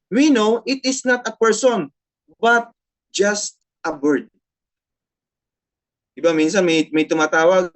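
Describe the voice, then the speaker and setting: A woman pastor with a Filipino accent and a mid-range voice preaches a sermon. She switches between Tagalog and English, repeats phrases, and asks the congregation frequent tag questions.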